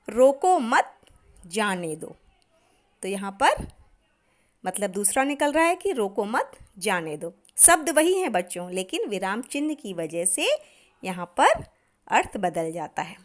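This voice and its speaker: An Indian woman teaching an online grammar lesson to children, speaking deliberately and often addressing the class. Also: medium pitch, a bit bright.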